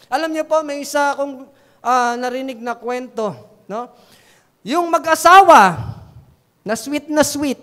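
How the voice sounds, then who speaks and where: A woman pastor with a high voice preaches in a church sanctuary, weaving everyday stories into her sermon. She keeps prompting the congregation to answer her. A long reverb trails behind her words. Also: a bit bright. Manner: storytelling preacher, often prompting the congregation for a response.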